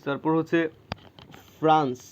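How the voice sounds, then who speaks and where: A man's voice: on the high side, fairly even intonation, moderate pace, smooth. Man teaching grammar, dull audio. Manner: explains patiently, checks in with rhetorical questions. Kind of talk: explaining grammar lesson to students.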